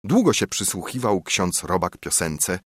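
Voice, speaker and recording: A man's voice: fairly low pitch, very animated, a little slow, a bit bright, husky, no echo. A man reading epic verse aloud in a rhythmic, dramatic way.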